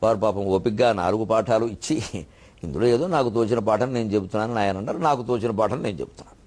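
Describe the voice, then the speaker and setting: With a lowish, darkish voice, a male spiritual lecturer offers a devotional discourse. His manner is that of a teacher: he unpacks word meanings and chants verses at a slow pace.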